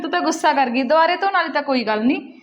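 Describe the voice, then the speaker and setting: A young woman playing a fussy elder sister and wife who quickly nags about chores, in a short film. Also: high-pitched, lively intonation. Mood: nagging. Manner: quick, nagging and scolding. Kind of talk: Punjabi short film acting. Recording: slightly dull, lo-fi.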